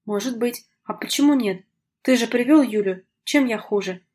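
Woman reading as a calm, ironic young woman. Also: fairly high pitch, normal speed, husky. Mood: weary. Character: self-assured young woman, calm and sharp. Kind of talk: audiobook dialogue reading.

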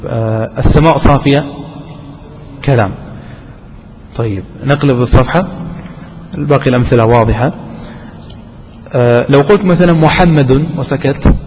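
A man's voice: fairly high pitch, slight background noise. A man teaching a grammar lesson to a class, explaining step by step and often quizzing his students. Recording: dull lo-fi hall recording.

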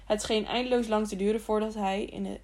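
A woman's voice: medium pitch, brisk. Woman reading a children's novel aloud. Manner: steady reading with occasional slips and restarts. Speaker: audiobook narrator.

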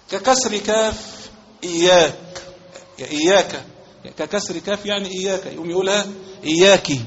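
A man's voice: high-pitched, a bit bright, a little hiss or hum. A man with an Egyptian accent teaching a religious lesson. He reads passages aloud from a legal text and then explains them, repeating key phrases and giving examples. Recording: dull lo-fi recording.

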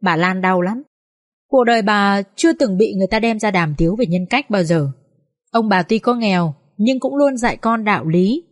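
A woman narrating a dramatic family story in an expressive, measured reading. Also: medium pitch, no room sound, clean studio sound. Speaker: audiobook narrator.

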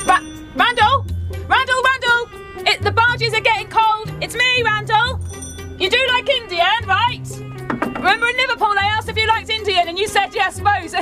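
A woman playing a clingy, lovestruck admirer in a comedy sketch, gushing and insistent. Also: extremely high pitch. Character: clingy, eager, lovestruck admirer calling up to someone.

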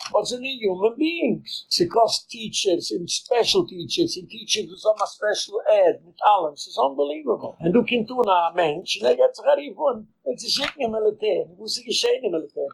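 A man's voice: high-pitched, gravelly, husky, rough recording. An older man giving an impassioned rabbinic lecture, emphatic, mixing in English phrases. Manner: switches between Yiddish-flavored speech and English phrases, emphatic.

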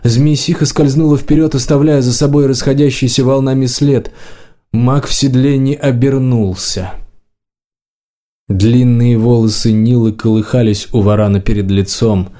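Mellow-voiced man narrating a fantasy audiobook. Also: medium pitch, fairly even intonation, normal speed. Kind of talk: scripted narration.

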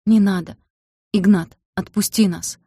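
A woman's voice: mid-range voice, fairly even intonation, unhurried, warm tone, slightly rough, no room sound, studio quality. A woman voicing a frightened young woman in a storybook, pleading in a trembling way. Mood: desperate.

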